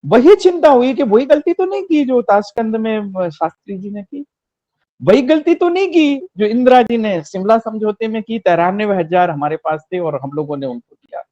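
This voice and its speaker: A man's voice: sits high, lively intonation, normal speed, warm tone, dry recording. A man giving impassioned political commentary, rhetorical and emphatic, repeating phrases for effect, on a dry, slightly dull recording.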